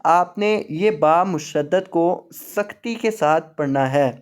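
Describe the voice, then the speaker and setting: Smooth-voiced male Quran tutor. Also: fairly high pitch. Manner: spells words letter by letter, slowly; repeats rules patiently. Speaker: Quran reading teacher. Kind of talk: online tajweed lesson.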